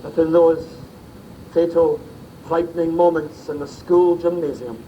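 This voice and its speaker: A minister delivers a grave memorial sermon in a high-pitched voice. He speaks slowly, leaning on measured pauses. The sound comes from an old cassette tape with a faint hiss under it. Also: level tone, highs cut off. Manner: slow, grave and solemn, with emphatic pauses. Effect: faint tape hiss of an old cassette recording.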